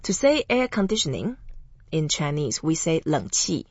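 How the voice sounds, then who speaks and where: Host for a language podcast: young woman from Taiwan, lowish voice, slow careful drills, dull dry close-mic sound. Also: very animated, no room sound. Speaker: Chinese language teacher and host. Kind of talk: scripted language lesson podcast.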